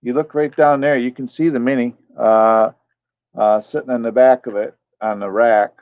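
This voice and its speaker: A man's voice: mid-range voice, steady tone, moderate pace, no room sound, dull audio. A man hosting a casual live stream, rambling and talking to his chat viewers by name.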